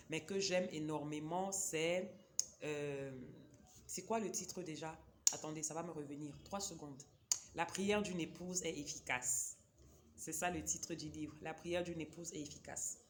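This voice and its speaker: Her voice sits low, and a little hiss or hum runs through the recording. The woman, a chatty book vlogger whose first language is a Cameroonian local language, digresses freely and speaks right to her viewers in a casual recommendation video.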